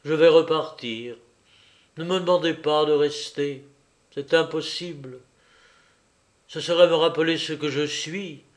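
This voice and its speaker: A resolute young sailor in a storybook, solemn and measured , voiced by a man reading aloud. He speaks slowly in a somewhat high voice and weighs each word. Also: steady tone, lightly acted.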